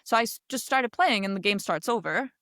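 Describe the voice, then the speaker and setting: With a slightly high voice, lively intonation and a brisk pace, this woman sounds fairly bright in a studio-quality, echo-free recording. She's a game designer in her thirties from Kosovo, first language Albanian, reflecting casually as a podcast guest and often adding "like" and "right?".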